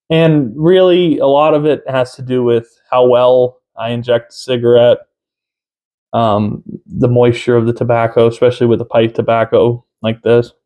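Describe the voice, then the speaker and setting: A man in his thirties giving a casual review to camera, unhurried and halting, often pausing mid-sentence. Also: medium pitch, phone-quality sound. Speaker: tobacco reviewer. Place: small room at home, indoors.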